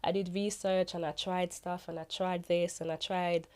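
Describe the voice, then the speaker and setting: A woman's voice: lowish voice, little pitch movement, moderate pace, darkish tone, clean tone. A woman speaking as a podcast guest, telling her own story in a casual way. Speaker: podcast guest, small business founder. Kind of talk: casual personal account.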